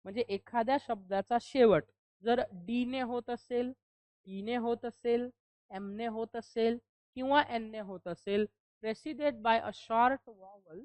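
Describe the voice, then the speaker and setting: A woman's voice: fairly high pitch, a little mellow, clean tone, dry recording. A woman teacher from India giving a classroom grammar lesson. She asks questions and answers them herself, and spells words out letter by letter.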